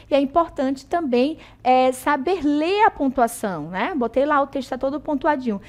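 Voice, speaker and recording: A woman with a Brazilian accent teaching a video lesson, explaining in a chatty way with frequent tag questions. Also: high-pitched. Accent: Brazilian Portuguese.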